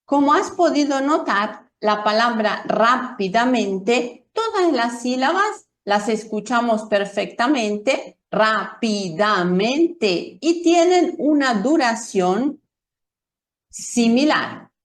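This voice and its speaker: A woman teaching a pronunciation lesson, explaining slowly and carefully with spoken demonstrations. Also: fairly high pitch, animated, reverberant. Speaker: Spanish teacher.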